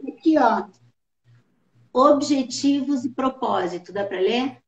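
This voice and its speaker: A woman hosting a casual live-stream conversation, lively and swooping in pitch as she explains. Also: slow pace. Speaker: live show host. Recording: roomy, slightly dull live-stream audio.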